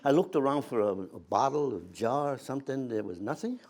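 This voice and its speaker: Recalling his war days, an elderly American man of eighty or more tells lively stories in a mid-range voice. He stumbles and restarts at times and performs the dialogue of the people involved.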